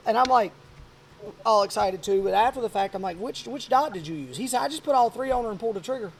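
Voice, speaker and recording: Man, around 40, podcast host, casual rambling chat, raspy fry, faint noise. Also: high-pitched, quick pace. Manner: rambling, animated storyteller.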